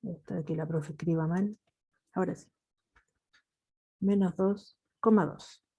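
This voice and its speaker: A woman's voice: fairly low pitch, fairly even intonation, a little slow, vocal fry, warm tone, lo-fi sound, slight background noise. A woman with a Chilean accent teaching a math class over a video call, patient and affectionate with her students. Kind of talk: online class lecture.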